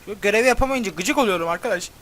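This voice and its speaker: A man hosting a gaming channel, giving casual gameplay commentary, excitable and cursing at the game as he plays. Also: high voice, very fast. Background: game music.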